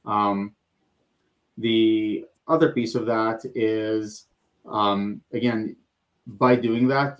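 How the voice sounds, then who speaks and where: A man's voice: on the low side, poor audio. A man co-hosting a casual panel chat over a video call, talking conversationally and voicing what one would say to clients. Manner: conversational, many fillers and quoted client talk. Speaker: co-host.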